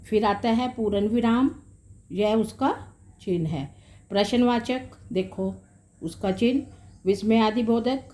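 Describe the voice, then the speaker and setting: Slow, mellow-voiced woman teaching a class. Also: a little high. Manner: addresses pupils fondly as children and dear; explains slowly with worked examples. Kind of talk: classroom grammar lesson.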